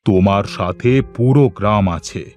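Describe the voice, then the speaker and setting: An actor voicing a wise, kindly male village head in a cartoon, speaking in a steady, reassuring, fatherly way. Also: fairly low pitch, measured pace, soft background music, natural voice. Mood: comforting. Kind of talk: cartoon voice acting.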